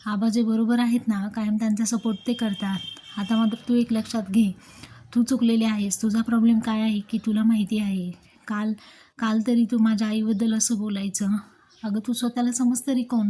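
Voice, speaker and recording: A woman's voice: a little high, mellow, close to an everyday voice. A woman reading the lines of an angry young husband in a TV serial recap. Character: angry young husband shouting at his wife.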